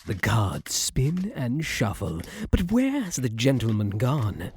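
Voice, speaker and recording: A man's voice: medium pitch, wildly swooping pitch, slow pace, a little mellow, slightly rough, exaggerated voice. A man playing a suave, possessive luck spirit in an ASMR roleplay, flirtatious and theatrical, teasing and coaxing with pet names, close on the mic. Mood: playful, teasing.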